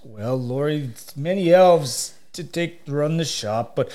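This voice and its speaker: A man's voice: fairly high pitch, animated, unhurried, darkish tone. A man playing jolly old Santa Claus in a podcast interview, chuckling and saying "oh, dear" often.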